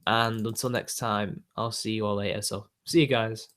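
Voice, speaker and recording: This time the British YouTube host, in his twenties and young-sounding, speaks in a lowish, steady, slightly bright voice at normal speed. He still rants casually to viewers, exasperated and heavy on fillers.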